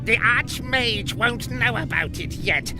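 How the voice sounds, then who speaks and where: A villain's deferential son from a video game, speaks slowly and carefully. His pitch moves up and down in a lively way over background music. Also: full character voice. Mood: dutiful. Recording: music under the voice.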